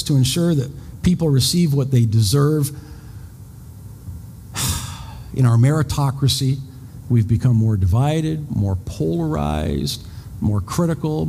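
This medium-pitched, mellow male voice belongs to a pastor in his fifties preaching conversationally. He frequently repeats words and pokes fun at himself along the way. Long reverb and a faint hum of background noise fill the recording.

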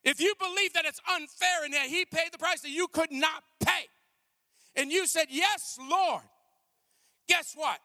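A man preaching a fervent, booming revival sermon in a motivational style, urging the congregation to repeat after him. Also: moderate pace, clean studio sound. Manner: booming, fervent motivational delivery, swinging from shouts to low asides; prompts congregation to repeat phrases. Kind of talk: charismatic revival sermon with call and response. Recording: large echoing hall with long reverb.

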